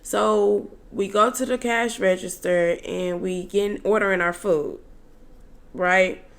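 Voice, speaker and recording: A woman's voice: medium pitch, steady tone, takes it slowly, creaky. A young woman telling a casual story-time tale to her viewers in a chatty, slangy way, with exasperated asides to them. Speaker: storytelling vlogger.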